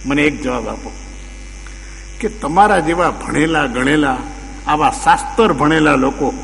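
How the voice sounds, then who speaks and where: A man doing a calm, quiet villager. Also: on the high side, unhurried, creaky, pitched below the performer's own voice. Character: plain-spoken male villager, calm and questioning. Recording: long hall reverb, faint mains hum.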